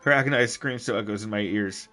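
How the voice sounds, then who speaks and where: Young male let's-play host, a bit low and very bright, jokey and rambling, soft game music underneath. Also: quick pace. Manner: loud, jokey, rambling, with bursts of shouting. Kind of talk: game commentary and reading dialogue aloud.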